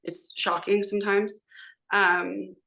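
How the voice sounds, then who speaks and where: A middle-aged American woman from Southern California, whose native language is Hebrew, speaks in a mid-range, gravelly voice that sounds pushed and bright. Her delivery is flat and slow as she chats casually and at length, rambling informally as a guest in a conversational podcast interview.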